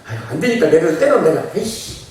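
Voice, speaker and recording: Animated male preacher in an echoey hall. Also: on the high side, a little fast, a crowd in the background. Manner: animated preaching, swings from quiet asides to shouting; laughs often, chatty and folksy. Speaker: pastor. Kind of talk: sermon. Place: church sanctuary. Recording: very echoey church hall, preacher heard from far off.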